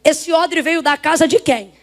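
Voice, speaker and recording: A Brazilian woman preaching a sermon to a congregation, emphatic and swinging from soft talk to shouts as she calls on the listeners. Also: high-pitched, measured pace, soft background music. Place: church before a congregation.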